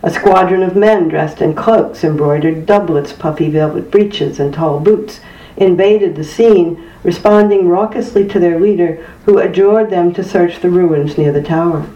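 A narrator reading a story aloud in a measured, even way. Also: medium pitch. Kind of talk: scripted audiobook narration. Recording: distant, roomy, dull-sounding recording.

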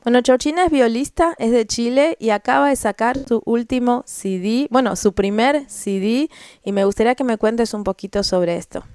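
A woman hosts a radio talk show and reads the local news. Her voice is smooth and clear. She halts often, filling gaps and restarting phrases. The sound is dry. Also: a little high, normal speed, darkish tone, dry recording. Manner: hesitant, many fillers and restarts. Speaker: radio host.

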